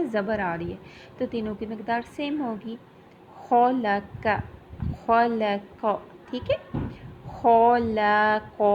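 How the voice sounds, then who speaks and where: A female Quran teacher with a Pakistani Urdu accent giving a tajweed lesson. She recites slowly and repeats syllables over and over as a drill. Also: fairly high pitch, dull audio, a little hiss or hum.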